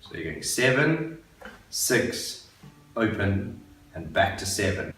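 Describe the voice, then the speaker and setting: A man's voice: lowish voice, very animated, a bit bright, a little hiss or hum. A man giving a patient, step-by-step guitar lesson for beginners, counting beats and repeating each step. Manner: patient, explains slowly and repeats steps. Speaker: guitar teacher. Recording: very echoey room, voice a bit far from the mic, guitar playing.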